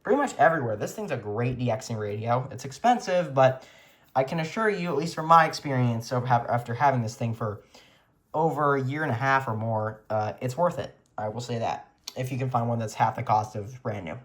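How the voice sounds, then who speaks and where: Speaking fairly quickly in a mid-range voice, a hobbyist host rambles through a casual show-and-tell, often correcting himself. He's indoors in a small furnished room at home, recording on a handheld camera or phone from behind the lens.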